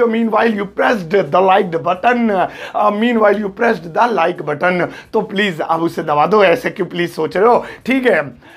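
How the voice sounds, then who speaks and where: A man from India teaching English grammar in a casual, chatty lesson, calling his students brother and slowing down to spell out each English example sentence. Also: high-pitched, gravelly, a bit bright. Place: studio.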